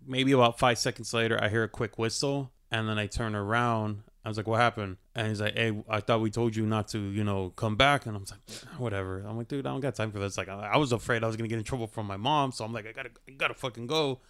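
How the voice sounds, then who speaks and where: A laid-back man tells a story in a relaxed podcast chat. His voice is smooth and clear, and he pads his telling with plenty of fillers. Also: lowish voice, quick pace, few pauses.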